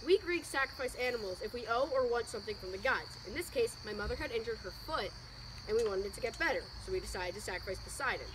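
A woman's voice: fairly high pitch, lively intonation, fast, close to an everyday voice. A teenage girl acting as a nervous, defensive ancient Greek youth giving testimony in a school project drama. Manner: defensive, indignant. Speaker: student actor. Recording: noisy outdoor recording with crickets.

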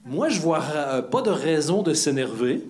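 A man with a high voice hosts a live stand-up comedy night. He talks casually and teases the audience playfully between his introductions of the next act. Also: sing-song, normal speed, a little mellow. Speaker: comedy club host. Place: comedy club stage.

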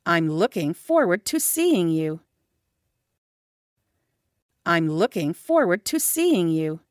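Woman English teacher, very slow drilling, word by word, lively rising and falling pitch, dry close sound. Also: no room sound. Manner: says each phrase whole, then word by word. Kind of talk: slow repeated phrase drilling.

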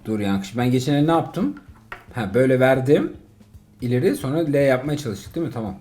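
Playing a mobile driving game alongside his son, a middle-aged dad keeps up a casual, joke-filled commentary, by turns excitable and exasperated. His voice is mid-range and a little fast, and faint music plays behind him.

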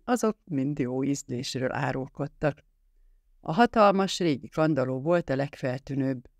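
A man narrating an audiobook in a measured storytelling manner on a close studio mic. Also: fairly high pitch, no room sound.

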